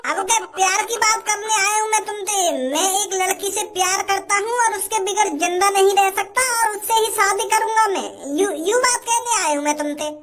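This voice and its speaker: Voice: extremely high pitch, normal speed, hardly any pauses. A performer voicing a whiny, lovesick young cartoon man who pleads to marry his sweetheart. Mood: indignant. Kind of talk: cartoon comedy dubbing.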